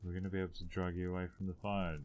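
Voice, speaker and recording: A man's voice: low-pitched, monotone, rapid-fire, a little mellow, slight background noise. A man streaming a game and chatting casually with a friend in a dry, mumbling way. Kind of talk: casual gameplay chat.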